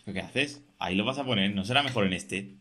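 A young man, hosting casual co-op gameplay chat, excitable and jokey, talking through every move. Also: lowish voice, fast talker, noisy background. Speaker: gaming podcast host.

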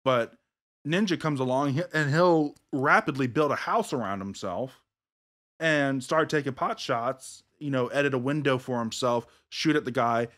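A man hosting a casual podcast chat, acting out gamers' quotes in a lively way. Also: moderate pace. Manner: animated, acts out gamers' quotes in a higher voice. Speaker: podcast host. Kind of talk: casual chat over beers.

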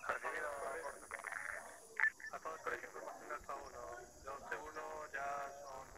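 A man speaking over an in-game radio as a military radio operator, using formal procedure in a measured, clipped way. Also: mid-range voice, flat delivery, very noisy. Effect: heard over an in-game radio.

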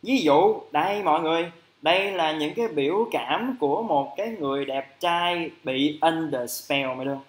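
A man teaching an English vocabulary lesson on a livestream, lively and chatty, stretching out English phrases slowly. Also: on the high side, roomy sound.

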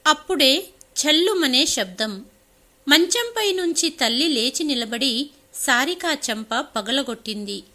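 A woman narrating a domestic family story in a steady storytelling voice. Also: high voice, a little slow.

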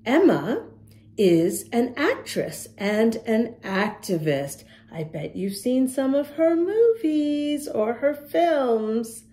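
A children's storytime reader shares a picture book with young kids, speaking straight to them, encouraging and emphatic, with plenty of questions. Her voice is a little high, mellow, and sing-song, and she takes it slowly.

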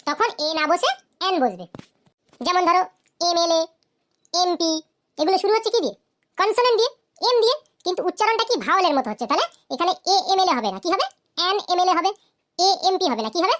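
Speaking fast in a very high, fairly bright voice, a woman leads a cartoon grammar class. She keeps quizzing the students and answering her own questions, then pronounces every English example slowly.

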